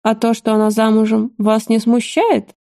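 A mocking, sharp-tongued old grandfather king, as a woman reader puts him on. His jabs come in a mellow, softened tone, recorded close and dry. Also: a little high, level tone, moderate pace, vocal fry, dry recording. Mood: snide. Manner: snide, teasing.

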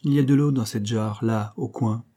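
Un homme qui fait parler un industriel sombre et avare de mots, dans un livre audio. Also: male voice, mid-range voice, normal speed, mellow, natural voice. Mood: terse. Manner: terse, reserved. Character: terse somber male mill owner.

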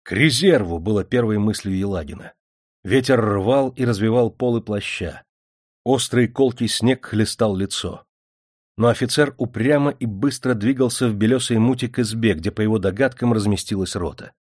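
A man narrating an audiobook in a steady, even storytelling manner. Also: lowish voice, moderate pace, dry recording, clean studio sound. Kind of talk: scripted narration.

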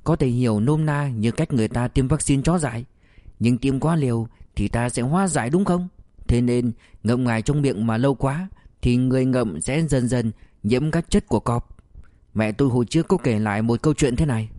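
A sly young man leans in and spins an old folk tale in a hushed, confiding way, as a male narrator reads him. The tone is mellow and soft-edged, the sound dry and close. His pauses are drawn out for effect, like an audiobook telling. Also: mid-range voice, no echo, natural voice.

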